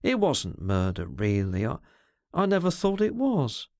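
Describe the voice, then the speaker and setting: A man reading aloud, voicing an earnest, gentle young woman who speaks softly and sincerely. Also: medium pitch, huge pitch swings, a little slow, dry recording, studio quality. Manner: soft, pleading, sincere.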